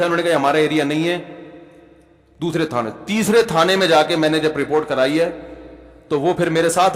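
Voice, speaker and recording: A man with a Pakistani Urdu accent preaching a sermon, telling a funny personal story and often calling the audience brother. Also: a little high. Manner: humorous anecdotal, addresses audience as brother. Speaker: Islamic preacher. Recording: long hall reverb.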